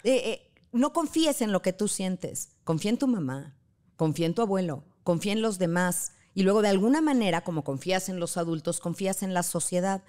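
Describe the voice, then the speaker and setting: A woman's voice: on the low side, fairly quick. A woman guest on a podcast talking about grief, telling stories and acting out what people say. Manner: warm storytelling, acts out quoted voices. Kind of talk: casual podcast conversation.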